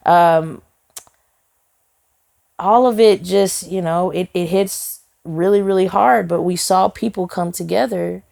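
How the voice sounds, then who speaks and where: A woman's voice: lowish voice, slow, gravelly, a little mellow. A woman singer and songwriter, a guest in a casual podcast interview, talking earnestly and heartfelt with many "you know" fillers and restarts.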